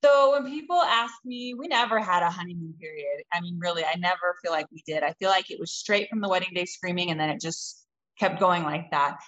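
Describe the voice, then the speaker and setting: A woman's voice: fairly low pitch, fairly bright tone, muffled recording. A woman from Utah, a podcast guest, telling her own story in a candid, reflective way with frequent ums. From Utah, United States. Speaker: interview guest. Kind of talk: personal storytelling in an interview.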